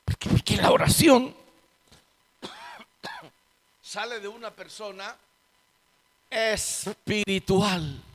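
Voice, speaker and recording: High-voiced preacher in echoing church. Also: male voice, huge pitch swings. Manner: emphatic preaching with rhetorical questions and slow drawn-out stresses. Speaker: pastor. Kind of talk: sermon. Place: church sanctuary. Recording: long hall reverb in church.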